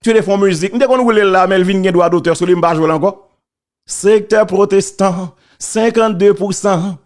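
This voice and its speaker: A man's voice: sits high, moderate pace. A man with a Haitian accent giving casual spoken commentary on church and politics, preachy and emphatic, repeating key phrases.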